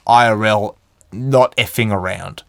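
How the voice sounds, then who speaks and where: A man's voice: lowish voice, a little slow, gravelly. A man co-hosting a casual gaming chat, boisterous and swearing, full of mock-outraged banter. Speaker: podcast co-host.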